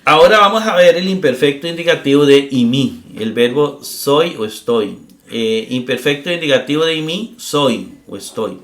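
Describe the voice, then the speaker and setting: With a little high, somewhat bright voice, a middle-aged man teaches Greek grammar on a recording. He explains patiently one step at a time, checks in with "¿verdad?", and hesitates on "eh," all in an echoey room.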